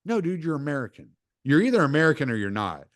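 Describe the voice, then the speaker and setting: A man hosting a casual interview podcast, talking in an opinionated, lively way. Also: a little high, fast, no room sound, studio quality. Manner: opinionated, animated when quoting others. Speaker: podcast host. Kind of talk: casual conversation.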